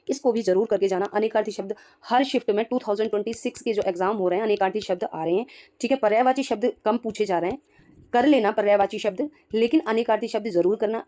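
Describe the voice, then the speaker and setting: A woman's voice: mid-range voice, mellow. A woman teacher working through exam questions one by one and explaining each answer, often putting rhetorical questions to herself and confirming with "ठीक है.".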